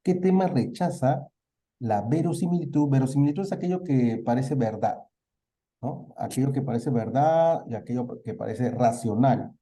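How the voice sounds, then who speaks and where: Male Peruvian teacher, very dark tone, conversational lecture style. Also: medium pitch, lively intonation, moderate pace. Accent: Peruvian Spanish. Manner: asks students questions and answers them himself. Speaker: literature teacher. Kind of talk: online class review.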